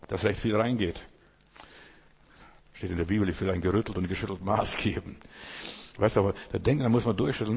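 A man preaching a sermon in a low, husky voice, speaking straight to each listener. He repeats phrases and lets slow, emphatic pauses hang. His words ring out with the long reverb of a hall. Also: a little mellow.

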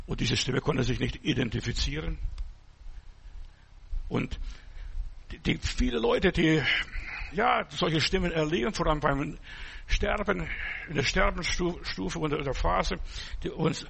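A man's voice: on the high side, animated, measured pace, gravelly, long pauses, a bit bright, breathy edge. A man giving an informal sermon, speaking directly to his listeners with rhetorical questions and personal stories. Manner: tells personal anecdotes. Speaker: preacher.

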